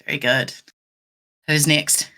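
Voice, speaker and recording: Woman game master, bright tone, lowish pitch, upbeat narration, tabletop game. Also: takes it slowly. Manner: upbeat, lively scene-setting.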